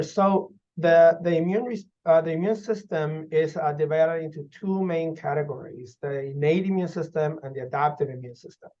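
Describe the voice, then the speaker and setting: A man's voice: on the high side, darkish tone. Man explaining with frequent fillers. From Guatemala. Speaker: physician researcher. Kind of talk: interview answers. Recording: dull lo-fi audio.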